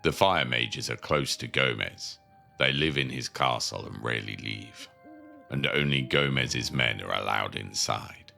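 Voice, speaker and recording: Very deep, gravelly prison inmate, acted by a man. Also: measured pace, sharp tone, heavily acted. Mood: matter-of-fact, advising. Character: gruff, seasoned male convict guiding a newcomer, worldly and cynical. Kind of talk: audio drama dialogue. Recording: music under the voice.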